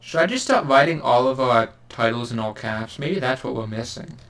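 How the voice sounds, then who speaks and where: A man's voice: medium pitch, animated, normal speed, fairly bright tone. A young man co-hosting a podcast in casual chat, sarcastic and rambling with lots of fillers and laughter. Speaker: podcast co-host.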